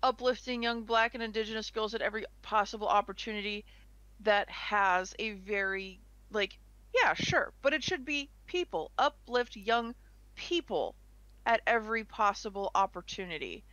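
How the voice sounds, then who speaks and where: A woman's voice: mid-range voice, moderate pace, bright, forceful tone, no room sound, muffled recording. A young woman co-hosting a casual podcast chat, chatty and giggly, rambling with restarts. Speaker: co-host.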